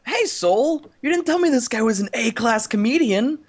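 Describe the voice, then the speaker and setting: A man's voice: extremely high pitch, animated, normal speed. A man voicing a cheerful young male best friend in an amateur voice drama, bubbly and chatty.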